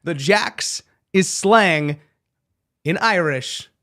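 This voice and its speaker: A man hosting a radio trivia bit, with a high, bright voice. He swings his pitch widely as he teases and quizzes his co-host in a playful way. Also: extremely slow. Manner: animated, playful quizmaster. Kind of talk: casual radio banter.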